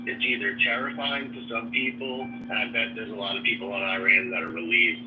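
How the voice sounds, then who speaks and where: A man's voice: low voice, sharp tone. A man chatting casually and bluntly, with informal, salty speech. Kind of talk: casual chat, salty language. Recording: distant mic, clearly noisy audio.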